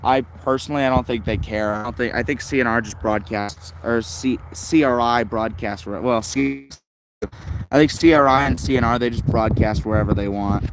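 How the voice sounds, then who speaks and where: A shortwave radio livestream host rambles and thinks aloud in casual, unscripted hobbyist commentary. His mid-range voice keeps fairly even intonation at a normal speed, and the low-quality recording has slight background noise.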